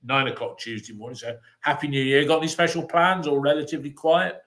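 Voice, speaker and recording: A man's voice: fairly high pitch, fairly even intonation, fast talker, a bit bright. A man hosting a casual football podcast, teasing his guests and steering the chat. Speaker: podcast host.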